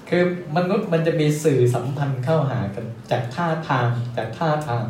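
A man giving a live sales seminar, talking in a lively, joking way and repeating his key phrases. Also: fairly high pitch, brisk. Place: company seminar room. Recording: echoey room, distant mic, faint hiss.

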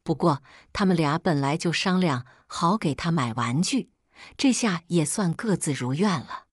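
A woman reads a scripted family story in a lively storytelling cadence. Her voice sits low but moves a lot in pitch. The recording is dry and close. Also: a little slow, husky, no room sound. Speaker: narrator.

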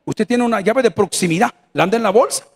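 A fast-talking pastor with a high, husky voice and vocal fry preaches a sermon in a church sanctuary. With his Salvadoran accent, he's folksy and full of jokes, performing the voices of the people he quotes.

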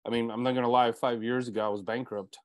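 A podcast host in his forties whose native language is Bulgarian runs an interview over earbuds on a video call, earnestly sharing his story with plenty of "you know" fillers. His mid-range voice is level and quick-paced, with no echo.

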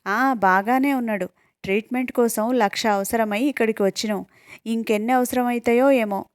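A woman's voice: fairly high pitch, fairly even intonation, normal speed, clean tone, no room sound, pitched above the performer's own voice, natural voice. A worried young village man who speaks in a raised, complaining tone with a lilt, as a woman reads him out. The sound is dry and close.

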